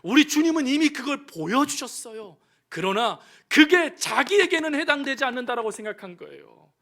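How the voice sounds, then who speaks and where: Male pastor, sunday sermon, bright high voice, rhetorical questions to the congregation. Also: sing-song, normal speed. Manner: storytelling with acted quotes.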